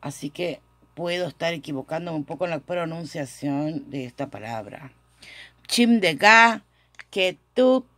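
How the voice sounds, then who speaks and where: A woman teaching a language lesson, who repeats each word slowly and corrects her own pronunciation, recorded on a phone. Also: low-pitched, a little mellow, no room sound. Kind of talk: slow, careful language lesson. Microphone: phone camera.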